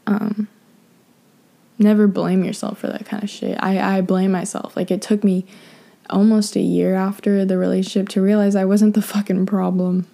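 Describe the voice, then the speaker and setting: A young woman talks casually and frankly on her podcast, swearing often and wandering through her thoughts. Her voice is mellow and dark, with a gravelly, creaky texture. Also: mid-range voice, little pitch movement, normal speed. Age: young adult. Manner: frank, profane, rambling with many fillers. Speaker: podcast host. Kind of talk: casual advice monologue.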